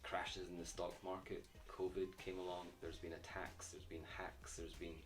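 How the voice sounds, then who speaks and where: A man appears as a guest in a casual chat, explaining his views with confidence and emphasis, restarting now and then. His low voice barely shifts in pitch and moves at normal speed, faint and far from the mic over light music.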